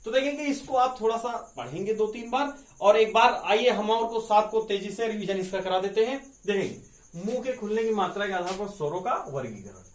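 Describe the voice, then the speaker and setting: A man's voice: high-pitched, animated, a little fast. A male teacher giving an exam-prep grammar lesson, asking rhetorical questions and answering them himself as he drills the points. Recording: echoey room with crickets outside.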